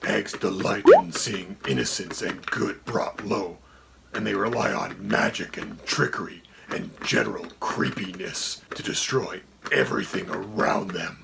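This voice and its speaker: A man voicing a haughty dragon co-host who speaks in a gravelly, whispery voice and a dry, condescending tone. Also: lowish voice, measured pace, background noise. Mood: deadpan. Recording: music playing under the voice.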